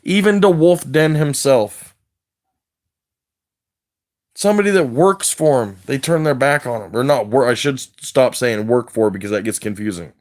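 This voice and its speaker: A man's voice: medium pitch, normal speed. A man on a livestream rant, agitated and wired, rambling from thought to thought and swearing a lot. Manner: swears heavily.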